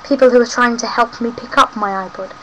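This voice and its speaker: A young woman from South West London, with a London accent and a fairly high, brisk voice, rambles and rants cheekily in a casual vlog filmed in a room at home. The audio is poor, with a little hiss or hum.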